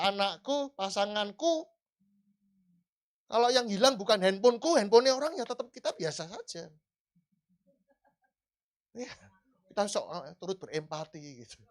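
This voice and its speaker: A man preaching a sermon in a church hall, conversational and lively, rising in emphasis. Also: high voice.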